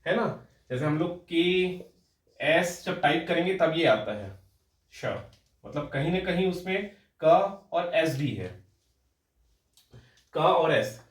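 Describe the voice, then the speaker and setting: A man's voice: on the high side, lively intonation, slow pace, pauses often, roomy sound, far from the mic. A young man teaching a Hindi grammar lecture for exam aspirants, explaining patiently, repeating words and often checking in with his students.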